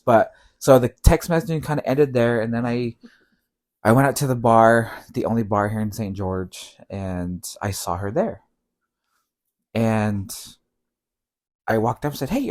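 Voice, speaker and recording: A middle-aged man speaks as a podcast guest. He tells his story casually, rambling and leaning on fillers. His voice sits at an ordinary pitch for a man. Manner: relaxed, rambling with many fillers.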